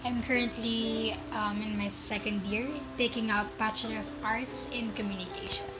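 A woman in her twenties talks eagerly about her college course, slipping into Tagalog. Her voice sits a little high, with music clearly playing behind. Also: moderate pace, poor audio. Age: 20s. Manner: lively, switches to Tagalog. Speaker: interviewee. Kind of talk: recorded self-introduction.

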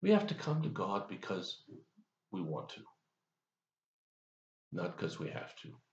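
A low-pitched older man with wildly swooping intonation speaks at a measured pace, slightly mellow, while giving a devotional sermon from his office. Sitting in a leather chair before a webcam, he asks the listener questions in a folksy, chatty way. The lo-fi recording is reverberant.

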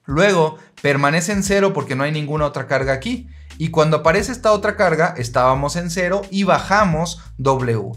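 A man teaching engineering, explaining diagrams in a patient, steady way and speaking straight to the listener. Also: on the high side, normal speed.

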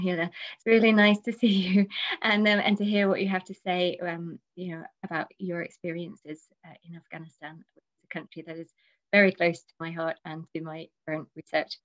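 A woman's voice: on the low side, fairly even intonation, normal speed, lo-fi sound. A woman lecturer in political science introducing herself chattily on a panel, with many fillers.

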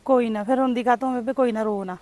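A woman's voice: on the high side, fairly even intonation, very fast, darkish tone. A woman playing a kind neighbour in a family drama, talking in a soothing, consoling way. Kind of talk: amateur family drama acting.

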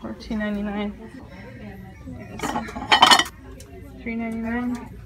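A young woman vlogs casually while browsing home decor stores, gushing over items and reading prices aloud into the handheld phone camera she films with. Her voice is on the high side, flat and slow, and the recording is very noisy.

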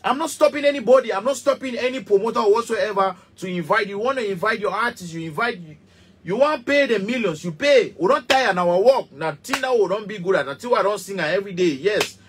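Heated and direct to camera, a Cameroonian musician in his thirties rants from a small studio, gesturing, emphatic, and repetitive. He has a Pidgin English accent and a fast, expressive, high-pitched voice with a fairly bright tone, and there is a little hiss or hum in the recording.

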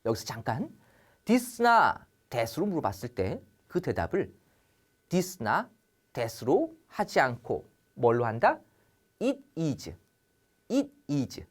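Lively low-voiced woman teaching English. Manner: animated, acting out question-and-answer pairs with shifting voices; slow, drilled English phrases, then quick Korean explanations. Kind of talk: TV English grammar lesson.

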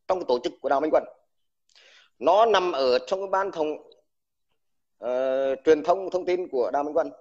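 A man who is an army veteran, delivering an angry, insulting rant to someone in a livestream and stammering over repeated words when heated. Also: a little high. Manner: combative, insulting, addresses the listener with crude terms. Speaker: army veteran speaking out online. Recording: dull lo-fi recording.

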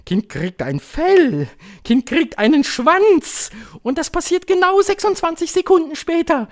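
A man voicing a cruel old female witch queen, shrill and commanding, gloating in clipped declarations for an audiobook. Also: very animated, measured pace, heavily acted. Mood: triumphant, thundering. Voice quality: shrill, thundering. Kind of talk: audiobook reading.

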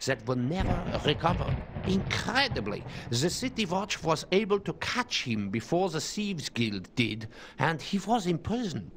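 An actor playing a very old, dying count in a video game, weary and haughty, with a theatrical aristocratic manner. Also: male voice, a little high, sing-song, slight background noise. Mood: dignified. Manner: slow, aristocratic, theatrical old-man delivery. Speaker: game character, an aged count. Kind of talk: dramatic video game voice acting.

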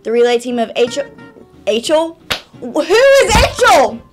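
A woman's voice: high-pitched, very animated, slow pace, faint music behind. A young woman reading student sports news, exasperated each time she slips on a word. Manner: exasperated at her own slips. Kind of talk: news-desk reading with bloopers.

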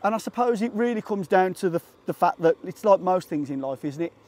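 A man's voice: high voice, expressive, a little fast, darkish tone. A man chatting casually to camera on a hike, joking about himself and talking to his dog between thoughts. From England. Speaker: vlogger. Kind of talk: casual vlog chat. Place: outdoors on a hiking trail.

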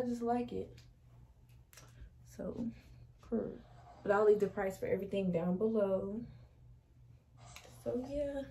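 A woman's voice: medium pitch, warm tone, a little hiss or hum, rough recording. Sassy young woman in a bedroom. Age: young adult. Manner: chatty, sassy slang, quick bursts. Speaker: fashion vlogger. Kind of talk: casual try-on haul chat. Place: small bedroom indoors. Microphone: camera across the room.

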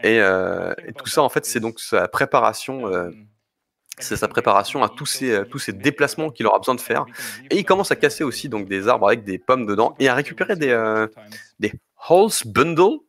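A man commentating a speedrun live, explaining techniques step by step with halting restarts and light joking asides. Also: mid-range voice, expressive, gravelly, fairly bright tone.

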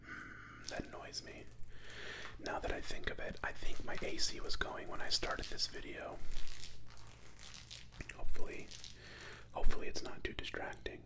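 A man's voice: normal speed, long pauses. A young man from Florida whispering a rambling, self-doubting ASMR chat close into microphones. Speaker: ASMR creator. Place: small home room with neon lights, indoors. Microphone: two studio mics close on either side.

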